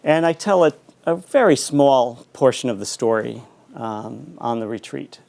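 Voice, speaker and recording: A middle-aged man giving a conversational author talk in a reflective, halting, anecdotal way. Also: mid-range voice, creaky, darkish tone. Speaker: author and school teacher giving a book talk.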